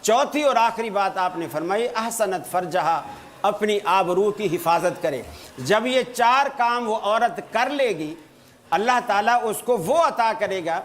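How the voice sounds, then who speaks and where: Man, religious talk, high voice, humorous storytelling, slow Arabic recitation. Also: expressive, fairly bright tone. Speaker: Islamic preacher.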